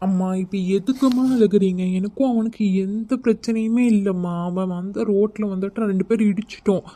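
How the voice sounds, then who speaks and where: Brief: a woman playing a hurt college guy in a cartoon, mellow and curt, brushing off questions. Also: mid-range voice, fairly even intonation, brisk, lightly acted. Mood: defensive. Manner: defensive, curt. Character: injured young male college student, defensive. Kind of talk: cartoon voice acting.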